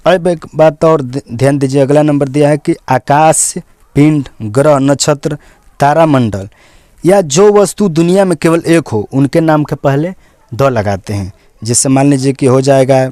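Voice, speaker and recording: A man's voice: mid-range voice, mellow, dry recording. A man teaching a grammar lesson, explaining patiently and repeating points with frequent check-ins to his students. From India. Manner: patient, repetitive explaining with many "theek hai" check-ins.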